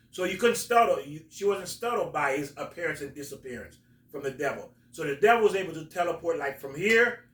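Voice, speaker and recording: A man hosting a talk, explaining religious stories in a halting, emphatic storytelling way. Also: on the high side, a bit bright. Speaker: host, religious teacher. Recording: roomy echo, distant from mic.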